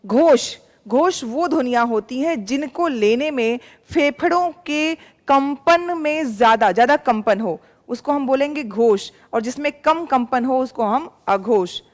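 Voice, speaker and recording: A woman teacher giving a patient classroom lecture, sounding out letters slowly and calling her students "beta". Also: sits high, expressive, long reverb tail.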